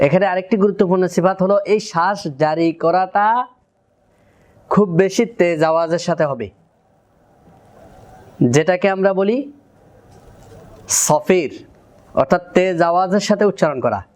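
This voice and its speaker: A man's voice: high-pitched, normal speed, long pauses, darkish tone. A man with a Bangladeshi Bengali accent teaching Quran letter pronunciation, explaining step by step and drilling syllables aloud. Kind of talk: pronunciation lesson.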